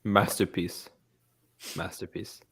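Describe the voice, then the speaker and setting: Male livestream host, low register, playful and rambling. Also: level tone, takes it slowly, a bit bright, slightly rough. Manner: playful, teasing, rambling with fillers. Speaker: host of a fan news livestream. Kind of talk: casual livestream chat.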